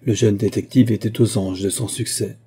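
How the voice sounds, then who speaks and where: Man reading an audiobook, steady and measured, super dark husky voice. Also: on the low side. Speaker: audiobook narrator. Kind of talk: scripted narration.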